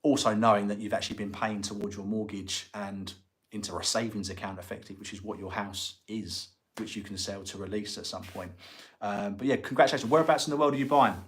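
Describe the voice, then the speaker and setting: A man's voice: lowish voice, steady tone, a little fast, fairly bright tone. A man with an Essex accent, chatting casually and informally as the host of a livestream. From Essex, England. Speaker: livestream host and estate agent. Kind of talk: casual livestream chat answering viewers' comments.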